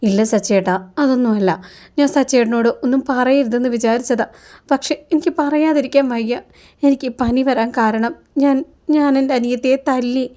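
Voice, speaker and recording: A woman's voice: high-pitched, normal speed, mellow, lightly acted. A woman voicing a troubled young wife from a TV serial who confesses earnestly. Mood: upset.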